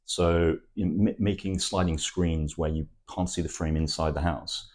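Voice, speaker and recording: Speaking low in a steady, darkish tone, this man from Wales, a native Welsh speaker, answers interview questions as an architect. His replies are thoughtful and poetic, punctuated by frequent pauses and restarts.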